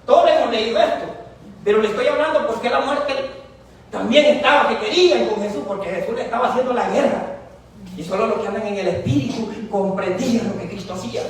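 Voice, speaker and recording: A man's voice: sits high, fairly quick. A man preaching a sermon with fervor, calling out to his congregation. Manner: fervent, calls out to the congregation. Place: church. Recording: echoey hall, mic far off.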